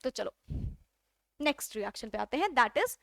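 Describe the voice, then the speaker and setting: High-voiced woman teaching chemistry. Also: very animated, creaky, heavy background noise. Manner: explains step by step, keeps asking the class questions and answering them; reads English textbook lines slowly. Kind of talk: classroom lecture mixing Hindi and English.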